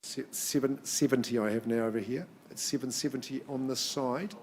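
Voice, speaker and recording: A man's voice: mid-range voice, steady tone, brisk, slight background noise. A man working as an auctioneer at a live property auction, mixing clipped, repeated number calls with chatty patter. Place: in-room auction.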